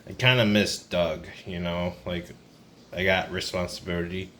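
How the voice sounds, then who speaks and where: Deep-voiced, burned-out young man vlogging. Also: flat delivery, moderate pace, fairly bright tone. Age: 20s. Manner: downcast, burned-out, confiding. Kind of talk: casual rambling personal vlog. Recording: noisy ambient background.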